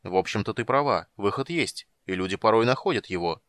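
A man's voice: lowish voice, animated, a little fast, fairly bright tone, no room sound. A man reading an audiobook, voicing an irritable, dismissive reclusive mage in a drawling, grumbling manner. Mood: mildly irritated. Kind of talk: audiobook character voice.

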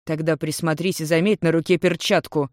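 A reader in an everyday voice plays a calm dark-haired young man, smooth and polite. The voice is unforced and dry, barely set apart from the narration. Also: mid-range voice, fairly quick, no room sound, natural voice.

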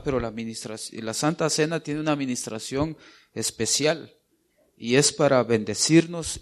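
A man preaching a sermon in a conversational way, often calling the listener brother and checking in with tag questions. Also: mid-range voice.

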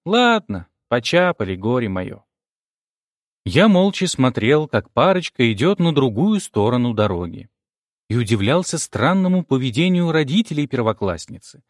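A man's voice: mid-range voice, big pitch swings, normal speed, dry recording, studio quality. A man narrating an audiobook in the first person, wry and polite.

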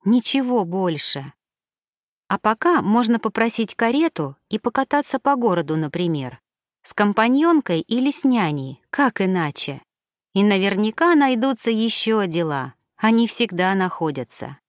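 A woman reads a novel aloud in an even, calm storytelling voice. Her pitch is mid-range. The recording is close and dry, with no room sound. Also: normal speed, no echo. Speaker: audiobook narrator. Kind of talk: scripted narration.

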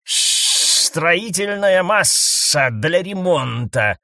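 Brief: boastful alien snake husband, drawn-out hissing lines, lifted pitch; voiced by a man. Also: lively intonation, creaky, no room sound, clean studio sound, heavily acted. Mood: drawling. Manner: drawling and hissing, swings to outraged yelling.

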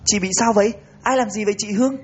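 A man voicing a frightened young woman in a read-aloud ghost story, speaking high and urgent. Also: expressive, normal speed, husky. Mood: alarmed.

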